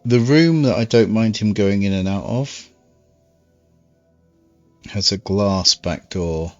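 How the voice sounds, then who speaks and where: A man's voice: lowish voice, slow pace, darkish tone, dry recording, faint music behind. A man streaming a game, rambling and dry, with self-mocking asides. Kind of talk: live game-stream commentary. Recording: dull, dry stream audio.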